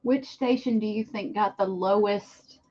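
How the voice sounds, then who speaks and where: A woman's voice: medium pitch, a little slow, no echo, muffled recording. A woman co-hosting a radio show with casual, playful, opinionated banter. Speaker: morning radio co-host. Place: radio studio.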